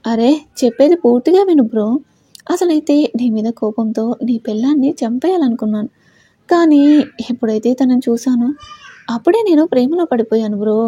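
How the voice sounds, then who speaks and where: A woman's voice: a little high, lively intonation, normal speed, dark tone, breathy edge, dry recording. A woman voicing a taunting male kidnapper who talks in a cocky, mocking way. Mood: smug. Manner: mocking, casual slangy address.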